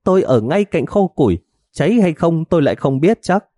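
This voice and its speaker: A male narrator voices a shrill, hot-tempered middle-aged village wife who nags, scolds, and wails melodramatically in a high, piercing, alarmed voice. Her pitch swings wildly over a dark, mellow tone at a fairly quick pace. The recording is dry and close, with no room sound.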